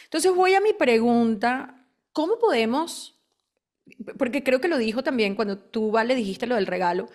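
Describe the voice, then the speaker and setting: A woman co-hosting a podcast, talking in a lively, chatty way with quick bursts while asking her guest questions. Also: on the high side. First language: Spanish. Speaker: podcast co-host. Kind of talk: casual podcast conversation.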